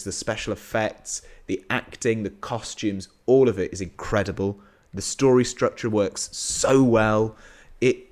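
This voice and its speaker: A man's voice: fairly low pitch, darkish tone. A British man co-hosting a film review show, talking in an enthusiastic casual chat and often chiming in with agreement. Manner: enthusiastic, frequent agreeing backchannel. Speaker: film review podcast co-host.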